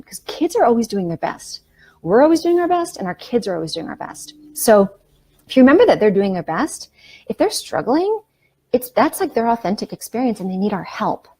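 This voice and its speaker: A woman's voice: medium pitch, mellow, breathy edge. A middle-aged woman coaching parents in a casual, conversational talk, often checking in with "right?" and "you know".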